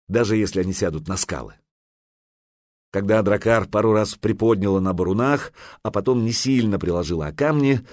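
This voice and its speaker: A man reading an audiobook in a measured, even narration. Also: deep voice, no room sound, clean studio sound.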